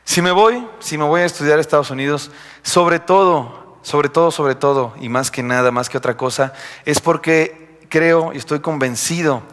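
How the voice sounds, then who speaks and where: A man's voice: a little high, normal speed, a bit bright. A young man with a Mexican Spanish accent, giving a chatty, confiding sermon and joking with his congregation. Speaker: preacher. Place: church hall. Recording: live stream in a reverberant church.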